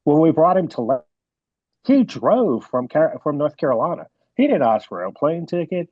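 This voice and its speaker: On a wrestling podcast, a male guest who works as a wrestling producer and manager chats candidly in casual podcast style, often repeating words as he starts a thought. His fairly high voice has a sing-song lilt at normal speed. The recording sounds dull and dry, with no echo.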